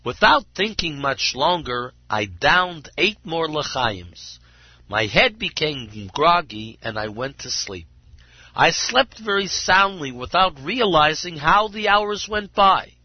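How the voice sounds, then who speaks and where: A man's voice: on the high side, sing-song, slow pace, no room sound, heavily acted. Man as a humble, earnest water carrier. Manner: plain, earnest confession. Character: simple humble male water carrier, tearful. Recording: dull lo-fi recording.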